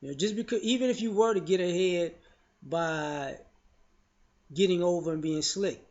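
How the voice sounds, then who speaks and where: A man's voice: sits high, normal speed, darkish tone. A man giving his opinions in casual spoken commentary, frank and loose, often saying "you know" and restarting his sentences. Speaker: vlogger sharing opinions. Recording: dull lo-fi audio.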